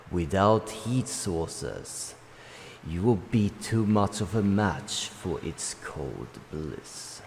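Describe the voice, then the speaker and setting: Voiced by a man, an ancient dragon delivers a fantasy game roleplay monologue, solemn and wise, protecting and cautioning like a guardian offering counsel. The full character voice is low, gravelly and darkish, with grave, formal phrasing and deliberate pauses. A long, echoing reverb surrounds it, along with faint noise.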